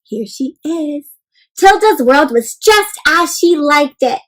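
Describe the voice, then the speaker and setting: Speaking slowly in a high voice, a woman runs an interactive picture book read-aloud for young children. Her manner is expressive and encouraging; she treats her listeners as friends and keeps asking them questions in an animated, exaggerated way.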